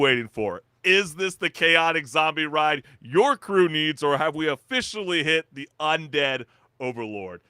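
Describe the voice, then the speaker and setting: Male gaming podcast host, bright and a bit high, dry close sound, hyped news rundown. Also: smooth, no room sound. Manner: hyped, salesy delivery with many fillers. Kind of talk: upbeat gaming news chat.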